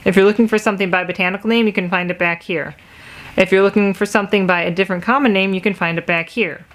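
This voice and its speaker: امرأة تراجع كتابًا بصراحة وانزعاج خفيف. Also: female voice, mid-range voice, fairly even intonation, quick pace. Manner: frank, critical, mildly exasperated. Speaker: book reviewer. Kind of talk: casual book review.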